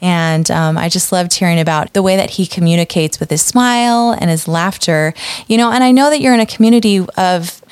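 A woman's voice: fairly low pitch, a little fast, darkish tone, clear, resonant tone, no room sound. A woman interviewing a guest, asking questions in an affirming, supportive way. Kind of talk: conversational interview.

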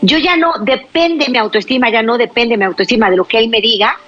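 A woman's voice: on the high side, fairly bright tone, muffled recording, soft background music. Firm woman giving advice on radio. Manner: firm, slows down to stress key points. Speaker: relationship advice speaker. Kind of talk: advice talk to women.

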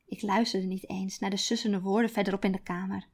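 A woman author reading her own first-person story aloud, quiet and deliberate. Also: mid-range voice, flat delivery. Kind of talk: storytelling narration.

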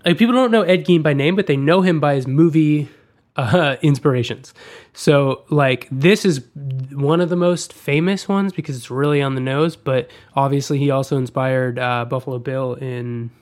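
A man's voice: medium pitch, moderate pace. Young male co-host, casual, rambling, filler-heavy. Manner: rambling, lots of fillers and restarts. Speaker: podcast co-host. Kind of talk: casual film discussion.

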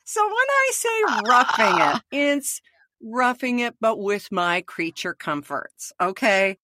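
A woman's voice: on the high side, big pitch swings, slow pace, sharp tone, a little hiss or hum. A woman co-hosting a podcast, chatting casually and laughing often as she tells stories. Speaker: podcast co-host. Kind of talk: casual chat.

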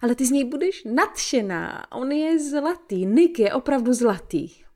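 A woman's voice: sits high, expressive, darkish tone, voice pushed up. Woman reading it as a cheery mom sweet-talking her teen daughter, coaxing and upbeat. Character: cheerful, persuasive mother of a teenage girl.

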